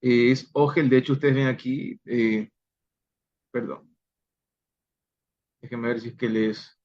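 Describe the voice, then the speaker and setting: A man teaching an online Bible study, slowly and deliberately sounding out Hebrew words for his listeners. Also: mid-range voice, steady tone, a little mellow, muffled recording.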